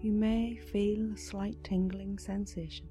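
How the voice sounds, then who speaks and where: A woman reading a scripted guided meditation in a soft, slow, soothing, breathy voice. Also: medium pitch, level tone, faint music behind.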